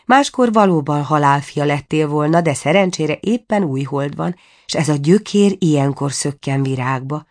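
A woman voicing a wise, kindly female goose who calmly reassures in a storybook reading. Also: low voice. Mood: reassuring. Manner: calm, reassuring.

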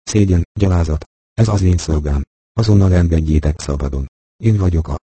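A man's voice: low-pitched, warm tone, husky, dry recording. A man voicing a proud, indignant boy king who speaks in a solemn, declaiming way.

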